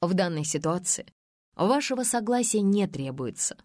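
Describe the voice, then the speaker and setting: Woman reading a calm, formal male investigator. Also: medium pitch, normal speed, no echo, clean studio sound, close to an everyday voice.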